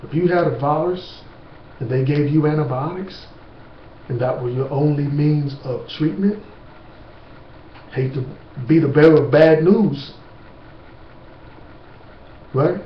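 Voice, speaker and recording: A man giving an informal lecture to camera, slow and emphatic, with blunt street-talk asides. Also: fairly high pitch. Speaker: speaker on natural remedies. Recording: distant, roomy, dull with faint hiss.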